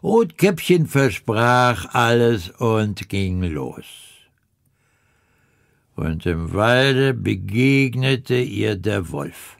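A man's voice: lowish voice, very animated, drawn-out words, gravelly, dry recording, studio quality. A man reading a comic fairy tale aloud in a droll, theatrical way, with dramatic swoops and wry asides. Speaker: reader.

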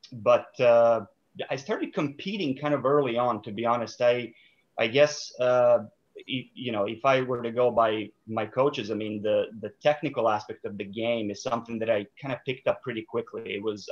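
A man from Serbia in his thirties, a sport psychologist guest speaking thoughtfully with many fillers and restarts over a video call. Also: mid-range voice. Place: small room indoors. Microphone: video call webcam. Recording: dull lo-fi call audio.

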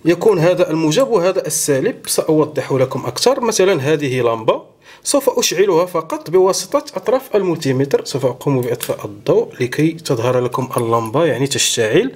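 A man hosting an electronics tutorial, explaining a hands-on demonstration step by step and often pausing with fillers. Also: fairly high pitch, lively intonation, darkish tone, slightly rough. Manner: explanatory, keeps saying "look" to viewers, frequent hesitations.

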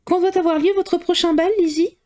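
A woman reading aloud pitches up for a sulky teenage girl, her voice raised very high. She answers back in a petulant, pouting way. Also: fairly even intonation, brisk, darkish tone. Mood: peevish. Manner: peevish and petulant. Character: sulky teenage girl who keeps coughing.

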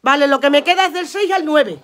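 Casting: woman, high voice, chatty and affectionate live-stream clothing seller, phone mic. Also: brisk, a bit bright. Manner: chatty, affectionate, repeats prices and calls viewers darling. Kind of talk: live sales pitch.

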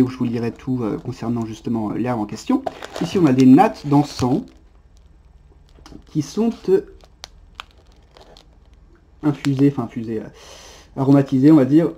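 Very dark-voiced man chatting through an unboxing. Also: medium pitch, lo-fi sound, slight background noise. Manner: unhurried, chatty, peppered with "hop" and hesitations. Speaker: unboxing presenter. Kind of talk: casual unboxing narration.

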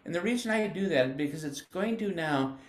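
A patient older American man, a music educator, teaches band through an instructional demonstration, explaining carefully and sounding out syllables slowly. His voice is fairly high and expressive, and the recording is reverberant.

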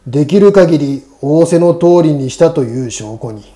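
A man voicing a gruff, menacing samurai ghost with a booming voice and rough, commanding archaic speech, in a ghost story reading. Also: expressive, normal speed, warm tone, natural voice. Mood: grim resolve.

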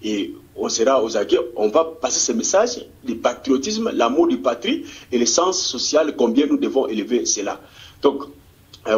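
A man from DR Congo, a political activist answering an interview in a fervent, rousing way, often stumbling and repeating words. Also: medium pitch. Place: Congolese diaspora community in Australia. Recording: dull lo-fi TV recording.

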